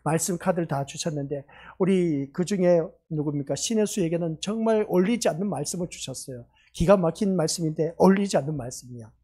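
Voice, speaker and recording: A man preaching a sermon as pastor of a church, earnest and lively, telling a story about children with quoted dialogue. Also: on the high side, a little fast, hardly any pauses, husky. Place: church sanctuary.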